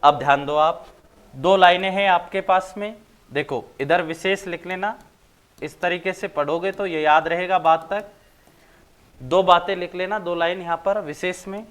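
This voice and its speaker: A male teacher from Rajasthan giving a grammar lesson, dictating notes slowly and repeating points, then quizzing his students. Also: sits high, fairly even intonation, fairly bright tone, clean tone. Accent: Rajasthani Hindi. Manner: slow, repetitive dictation with questions to students.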